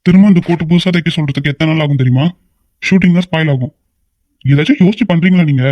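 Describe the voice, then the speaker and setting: A man voicing a stern, quick-tempered male shoot manager in an animated short, firing off exasperated questions. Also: a little high, no echo, muffled recording, lightly acted. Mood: scolding. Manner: rapid, scolding, exasperated questions. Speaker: shoot manager scolding staff. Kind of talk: Tamil animated short voice acting.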